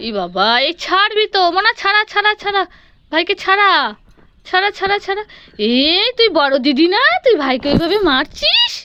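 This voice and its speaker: High-voiced scolding mother. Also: sing-song, bright, forceful tone, lo-fi sound, a little hiss or hum. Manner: scolding and coaxing, repeats words rapidly. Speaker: mother in a family comedy skit. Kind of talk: acted family comedy sketch.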